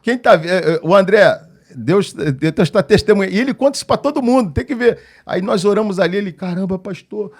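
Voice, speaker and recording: A man with a Rio de Janeiro accent, a pastor and podcast guest, telling stories in an animated way and acting out the dialogue. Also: sits high, a little fast. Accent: Rio de Janeiro Portuguese. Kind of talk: storytelling in a podcast interview.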